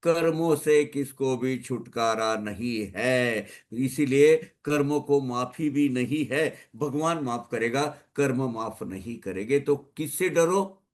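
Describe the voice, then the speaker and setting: At a devotional gathering, a satsang speaker with a medium-pitched voice gives a spiritual discourse slowly and with few pauses. He speaks emphatically, repeats phrases for stress, and mixes English phrases into his Hindi.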